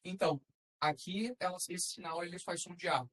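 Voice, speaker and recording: A woman's voice: fairly low pitch, steady tone, normal speed, fairly bright tone, breathy edge, rough recording. A woman teaching a class, explaining patiently step by step and checking in with her students. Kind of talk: classroom lesson.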